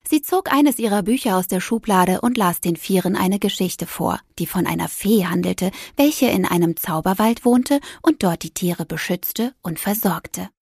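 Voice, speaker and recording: A woman narrating a children's story with gentle, lively storytelling. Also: medium pitch, normal speed, creaky, hardly any pauses, slightly rough, no room sound, clean studio sound.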